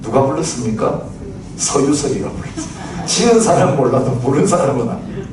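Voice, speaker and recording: A man's voice: on the high side, very animated, brisk. A man in his sixties preaching a chatty sermon, often asking the congregation questions, recorded from a distance in a church hall. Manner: chatty, asks the congregation, recites lyrics with laughter. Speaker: pastor. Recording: very echoey hall, distant mic, noisy.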